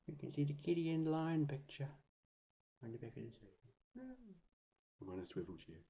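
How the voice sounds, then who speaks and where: 40s woman vlogging from her couch, deep mellow voice, chatty, baby-talks the cat. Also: lively intonation, moderate pace. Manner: coos in high sing-song baby talk to a cat; meandering, chatty, talks to herself. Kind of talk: casual rambling vlog. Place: home, on a swivel chair by a sofa.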